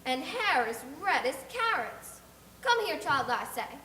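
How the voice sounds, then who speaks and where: A woman's voice: high-pitched, sing-song, a little slow, sharp tone, roomy sound, slight background noise, voice pushed up, full character voice. A woman voicing a blunt, gossipy older village woman who speaks her mind in emphatic, disapproving tones in an audiobook. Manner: outspoken and emphatic. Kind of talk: audiobook character reading.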